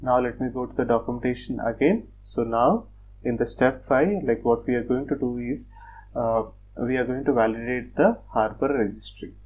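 A man presenting a screen-recorded software tutorial, talking step by step in a plain, methodical way with frequent fillers like "uh" and "like". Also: mid-range voice, normal speed, slightly rough, phone-quality sound. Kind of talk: screen-recorded technical walkthrough.

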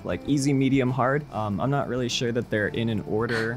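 A man with an American accent, a relaxed and easygoing guest chatting over a video call. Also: medium pitch, extremely slow, music in the background.

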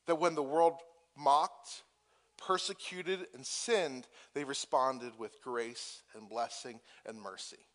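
A man's voice: mid-range voice, fairly even intonation, slow, a bit bright. A man preaching a sermon as pastor, moving from conversational asides with restarts to impassioned, emphatic peaks.

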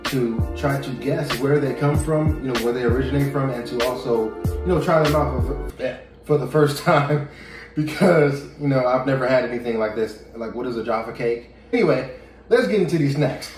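A man's voice: mid-range voice, moderate pace, echoey room, over music. An American man chatting casually in a snack review vlog, joking and rambling loosely as he talks from his home kitchen. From United States. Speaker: vlogger.

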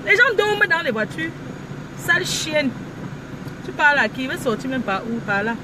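Woman, high voice, loud and boisterous car vlog, mixes French and pidgin English; clear car noise. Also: big pitch swings, moderate pace. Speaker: vlogger. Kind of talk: casual self-filmed car vlog. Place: inside a car at a drive-through. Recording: noisy car ambience. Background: car and engine noise.

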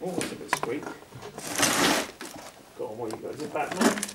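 A man's voice: medium pitch, expressive, moderate pace. A man quipping sardonically while exploring a derelict house. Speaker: exploring companion. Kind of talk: casual banter while exploring. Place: abandoned house indoors. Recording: echoey room with loud background noise.

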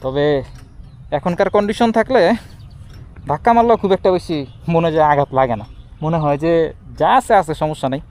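A man's voice: fairly high pitch, animated, brisk, pauses often, darkish tone. A man with a Bangladeshi accent giving a casual vlog explanation to viewers, speaking from inside a helmet. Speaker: motorbike vlogger. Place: outdoors by a city road. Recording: light outdoor street and vehicle noise.

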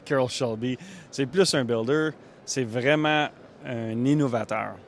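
A man in his thirties with a Québécois accent, talking earnestly about building cars, with some halting restarts. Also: medium pitch, a little hiss or hum. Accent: Québécois French. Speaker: car builder. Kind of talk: casual interview.

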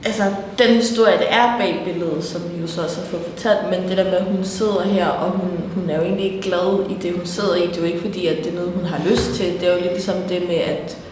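A woman's voice: on the low side, fairly even intonation, hardly any pauses. A young woman in a casual interview, hesitant and searching for her words. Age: young adult. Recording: distant, very echoey hall with hiss.

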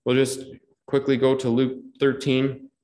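A man's voice: mid-range voice, monotone, measured pace, darkish tone. A man preaching a gospel sermon in a hall, earnest and repetitive, quoting scripture in old wording. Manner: earnest, repeats key phrases, quotes scripture in old wording. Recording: echoey hall.

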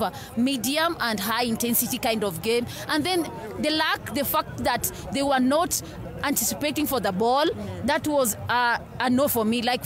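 High-voiced Kenyan woman outside a stadium. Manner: animated, mixes in Swahili slang. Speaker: football fan guest. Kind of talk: casual post-match chat. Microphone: handheld mic. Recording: outdoor interview with crowd noise.

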